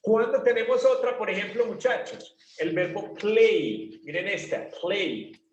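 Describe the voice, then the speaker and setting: A man with a high voice teaches an English grammar lesson, patiently putting questions to the class and answering them himself. He sounds a little far from the mic, in an echoey classroom. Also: animated, a little slow, highs cut off, a little hiss or hum. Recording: echoey room, voice from a distance.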